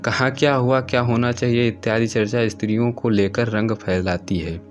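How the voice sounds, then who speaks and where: A man reading a literary short story aloud in the first person, in a measured, steady storytelling manner. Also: mid-range voice, faint music behind. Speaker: story narrator.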